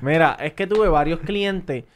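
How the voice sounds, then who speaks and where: A man's voice: on the high side, measured pace. A man with a Puerto Rican accent, co-hosting a casual podcast and ranting crudely with lots of restarts, in a studio. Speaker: podcast co-host and taco business owner. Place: professional studio.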